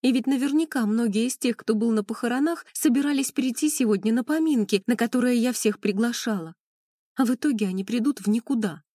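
A woman's voice: on the high side, fairly quick, warm tone, no room sound. A woman reading a first-person audiobook in an emotional, mournful way, close to the mic. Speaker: audiobook narrator.

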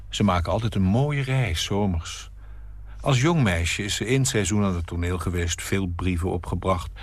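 A man narrating a first-person radio story in a wry, understated way, with a husky voice. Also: low-pitched, no room sound.

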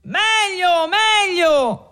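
A man voicing a cheerful, boastful young male peasant in an audiobook, exclaiming loudly and with gusto. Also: sits high, expressive, normal speed. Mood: jovial. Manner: exuberant, loud exclamations.

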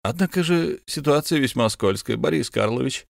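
A man's voice: medium pitch, lively intonation, moderate pace, vocal fry, no room sound, studio quality, pitched above the performer's own voice. A man voicing a cautious, deferential army staff captain who speaks in hesitant, old-fashioned polite phrases.

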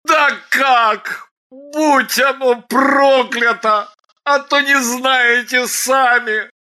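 A woman reading the part of a gloomy ascetic man dragged into sin, grumbling his thoughts aloud slowly and brightly. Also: on the low side. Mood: disgusted. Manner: grumbling inner monologue. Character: ascetic young man turned reluctant sinner, glum.

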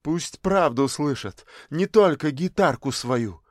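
A man's voice: fairly high pitch, animated, slow, no echo, studio quality. A man reading an audiobook, voicing a cheeky, defiant teenage girl who talks back to her mother. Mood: challenging. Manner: mocking, challenging.

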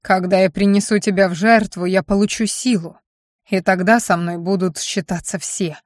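A woman's voice: mid-range voice, steady tone, moderate pace, darkish tone, no echo, studio quality, natural voice. A woman reading an audiobook and voicing a fanatical, self-satisfied male mage who rants about gaining power. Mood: fanatical boasting. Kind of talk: audiobook character voice.

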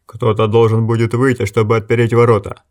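A man's voice: mid-range voice, flat delivery, brisk, darkish tone, lightly acted. A man voicing a middle-aged innkeeper who barks urgent orders at his sons. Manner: commanding, urgent.

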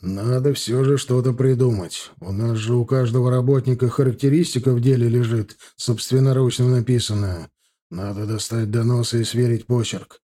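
A man's voice: mid-range voice, fairly even intonation, normal speed, mellow, natural voice. A man voicing a concerned, thoughtful union chairman in an audiobook. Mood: scheming.

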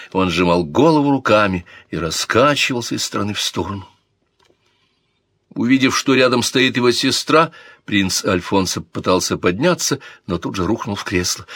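Low-voiced man narrating an audiobook. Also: dry recording. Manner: expressive, theatrical reading.

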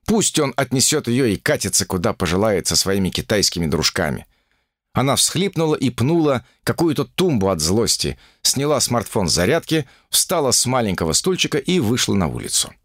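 A man narrating an audiobook in an expressive, storytelling manner. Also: medium pitch, dry recording, clean studio sound.

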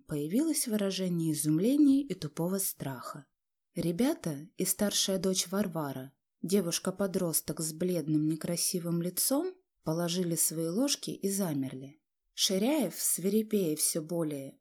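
A woman reading a story aloud as an audiobook narrator, with a measured storytelling delivery. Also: lowish voice, dark tone, slightly rough. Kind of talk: scripted narration.

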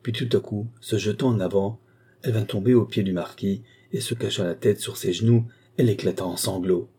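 Man, audiobook narration, measured and dramatic, dark mellow tone. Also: on the low side, steady tone, husky. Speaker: audiobook reader. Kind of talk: scripted narration.

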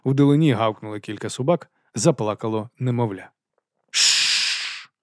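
A man's voice: medium pitch, brisk, darkish tone, no room sound. Male audiobook narrator, dry close voice. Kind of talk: scripted narration.

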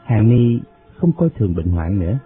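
A man reading a novel aloud in steady, measured narration. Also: on the low side. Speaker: audiobook narrator. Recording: phone-like sound, faint music.

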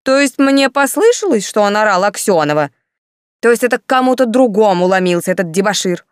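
Storybook figure: a stout, furious middle-aged woman warden, read by a woman, loud and scolding, dry. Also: lowish voice, fairly quick, dry recording, lightly acted. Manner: bellowing, scolding, repeating accusations.

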